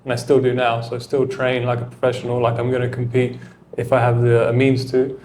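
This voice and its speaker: A man's voice: medium pitch, monotone, a little fast, a little mellow, slight background noise. A man, a tennis coach, talking reflectively in a casual interview, with a loose flow of filler words. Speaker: tennis coach and mentor, guest.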